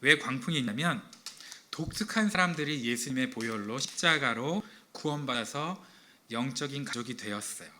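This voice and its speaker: A man's voice: mid-range voice, pushed and bright. A man preaching a sermon to a congregation, playful and teasing, asking questions and cracking jokes. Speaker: pastor. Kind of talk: humorous sermon with audience interaction. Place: church sanctuary.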